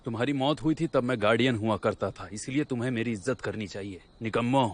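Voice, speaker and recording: An actor playing a former guardian spirit who mocks and scolds, often dropping to a hushed voice. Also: male voice, mid-range voice, quick pace, natural voice. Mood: mocking. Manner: scolding and mocking, drops to hushed tones. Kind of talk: Hindi dub of a drama series.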